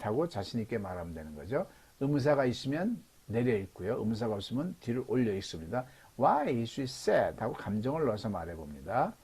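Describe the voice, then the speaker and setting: Lively husky-voiced man teaching. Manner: explains step by step, lively pitch. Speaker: English teacher. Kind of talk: Zoom lecture. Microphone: video call.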